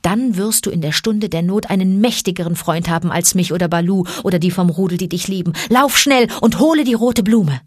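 Wise protective panther, low and hushed, read by a woman; dry close sound. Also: brisk, hardly any pauses, no echo, lightly acted. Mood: urgent. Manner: calm, low and confiding, urgent at times. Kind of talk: audiobook character reading.

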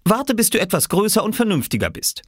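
Storybook audiobook: a man playing a firm, admonishing mother, pitched up. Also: very animated, fairly quick, no echo, studio quality. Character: strict, sensible mother.

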